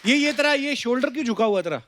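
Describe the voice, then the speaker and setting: Male comedy host, lively teasing banter, noisy studio. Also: extremely high pitch. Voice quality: mocking, quick retorts. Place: TV studio stage with audience.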